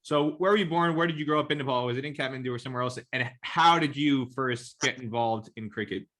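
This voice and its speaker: A man's voice: mid-range voice, fast, a bit bright. A man hosting a podcast, asking direct, curious interview questions. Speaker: podcast host.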